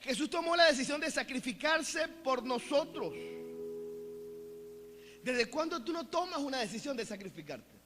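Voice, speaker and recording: A man with a Venezuelan accent preaching a sermon as a pastor. He is energetic and joking, and often calls out to the congregation to keep them engaged. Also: very high voice, moderate pace, pauses often. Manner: playful, mixes jokes into preaching. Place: church hall. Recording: echoey hall with faint music behind.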